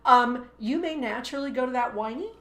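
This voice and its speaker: A woman who is a teacher co-hosting a casual chat, speaking in a measured, emphatic way and acting out classroom voices. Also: a little high, fairly bright tone. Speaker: teacher and co-host. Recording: roomy echo.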